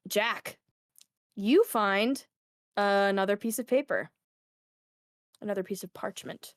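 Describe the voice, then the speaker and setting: A woman game master narrating a tabletop scene in a loose, hesitant way, pausing often on fillers. Her voice sits at a middle pitch and is recorded dry and close. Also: no room sound. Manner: casual, hesitant with many fillers.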